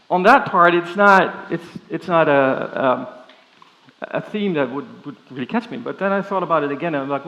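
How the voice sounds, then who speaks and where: Dutch guy doing a keynote, fairly high voice, playful and upbeat, lots of ums and restarts. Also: low-quality recording. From Netherlands. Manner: playful, energetic, with many fillers and restarts. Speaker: keynote speaker. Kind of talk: conference keynote. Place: large conference hall with audience.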